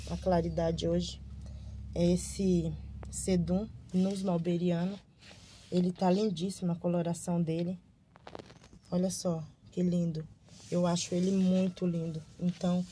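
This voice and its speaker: Woman chatting about her plants, gushes a lot, low-ish flat voice, bit of noise behind. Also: rough recording. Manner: gushing, repeats praise words. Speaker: gardening vlogger. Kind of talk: casual show-and-tell vlog.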